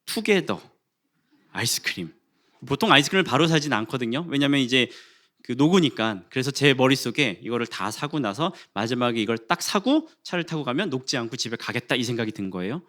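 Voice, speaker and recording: A man in his forties preaching a sermon in a church, telling a funny personal story with lively acted-out dialogue. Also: mid-range voice. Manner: animated storytelling, acting out quarrels and rising to loud exclamations. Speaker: pastor. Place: church sanctuary.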